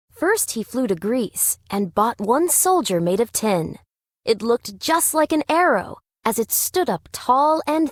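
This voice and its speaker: A woman with a fairly high voice narrates rhyming children's verse as a storybook read-aloud. Her pitch moves around a lot and her pace is unhurried. The recording is dry, with no echo.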